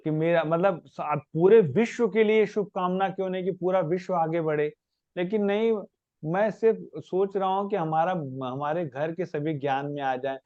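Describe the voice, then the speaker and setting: A man with a high voice leads a spiritual question-and-answer class. He explains patiently and reaches for everyday examples. The recording is dry and dull, with no room sound. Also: moderate pace, a little mellow, dry recording. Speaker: spiritual teacher.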